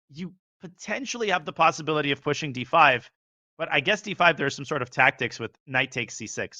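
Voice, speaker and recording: A man's voice: fairly high pitch, sharp tone. A man commentating live chess, analyzing positions and rattling off moves. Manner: analytical, calls moves rapidly.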